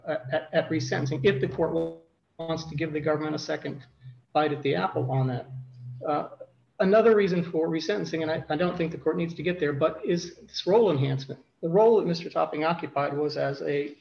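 A man giving a courtroom oral argument as defense attorney, halting and conversational, repeating words, with a gravelly voice. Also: a little high, darkish tone, highs cut off.

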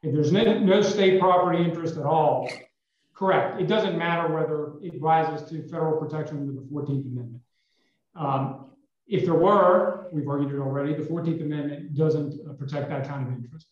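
Attorney, male, formal courtroom delivery, booming well-like echo over a dull, muffled line. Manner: formal, measured courtroom address. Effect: hollow echo, as if speaking inside a well. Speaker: attorney arguing for the state. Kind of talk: appellate oral argument. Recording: echoey, dull remote audio line.

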